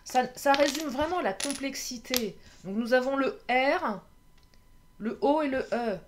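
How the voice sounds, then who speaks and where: A woman's voice: sits high, animated, a little slow, noisy background. A woman doing a casual card reading to camera. She is chatty, hesitates with many fillers and laughs at herself. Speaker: tarot card reader.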